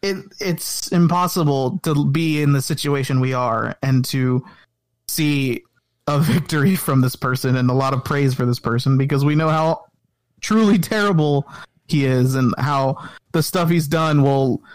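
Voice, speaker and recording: A man's voice: mid-range voice, a little slow, no echo. A man co-hosting a wrestling podcast, mostly agreeing in short replies and earnestly explaining his views. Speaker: podcast co-host. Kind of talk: casual chat.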